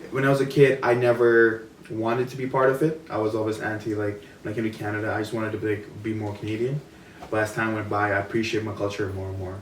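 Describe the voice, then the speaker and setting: A young man from India with a fairly low voice speaks fast and flat in a casual group chat, rambling with many fillers. He's recorded from a distance in a roomy space with faint noise.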